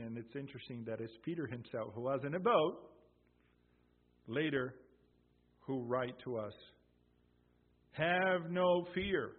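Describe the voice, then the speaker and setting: Guy preaching a sermon, slow and emphatic, husky, sounds like a phone line. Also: mid-range voice. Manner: emphatic, swelling loud on key phrases, quotes scripture slowly.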